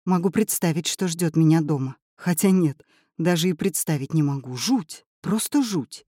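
A woman narrating an audiobook in an expressive storytelling manner. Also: low-pitched, normal speed, husky, dry recording, studio quality.

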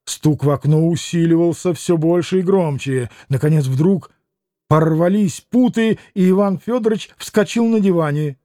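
A man narrating a literary audiobook in a measured, expressive reading style. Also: a little high, no echo, clean studio sound.

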